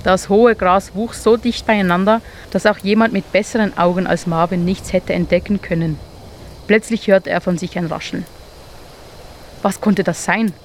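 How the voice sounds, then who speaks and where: A woman reading a children's animal story aloud in a calm, inviting, measured way. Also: medium pitch, a little hiss or hum.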